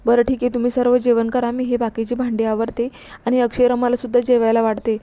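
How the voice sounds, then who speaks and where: A woman's voice: on the high side, completely flat delivery, fast, dark tone, natural voice. A woman reading the lines of a showy young daughter-in-law who speaks eagerly and insistently.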